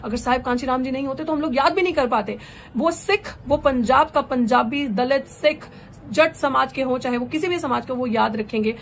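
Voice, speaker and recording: Fervent young woman activist, highish voice. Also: normal speed, slight background noise. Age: young adult. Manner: fervent, rousing, mixes English phrases into Hindi. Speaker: political candidate and activist. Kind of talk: impassioned political speech.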